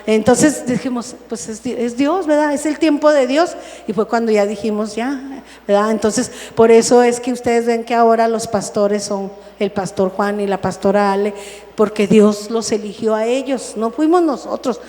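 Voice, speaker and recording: Older woman pastor, conversational sermon, slightly high voice, echoing church hall. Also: normal speed, warm tone. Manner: conversational preaching, frequent "¿verdad?" tag questions. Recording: long reverb of a church hall.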